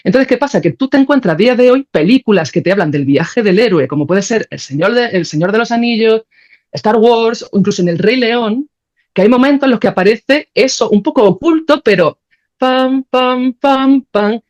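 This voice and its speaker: On a podcast, a composer and sound creator with an accent from Spain thinks aloud while casually explaining her ideas in colloquial conversation. Her voice is a little high and a little mellow, with lively intonation at a moderate pace, though the recording sounds muffled.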